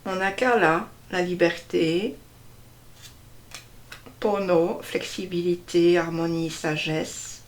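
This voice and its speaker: A woman slowly presenting a deck of cards one by one, hesitating often and stressing each card name. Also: fairly low pitch, fairly even intonation, slight background noise. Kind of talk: casual card unboxing walkthrough.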